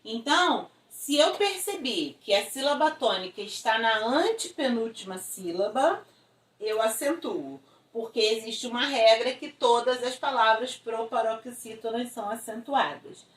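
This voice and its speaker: A Brazilian woman teacher talks a young class through a recorded video lesson, one step at a time, and often checks that they follow. Her voice sits a little high and swoops up and down with animated intonation. It rings in an echoey room, caught from some distance from the mic. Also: measured pace. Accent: Brazilian Portuguese. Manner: explains step by step, checks in with frequent tag questions.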